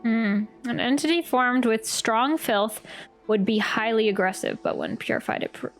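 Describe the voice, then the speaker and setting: A streamer reacts to a game playthrough as she plays, offering casual commentary and thinking aloud hesitantly. Her fairly high voice has a sing-song quality at a normal speed, and soft game music plays behind her.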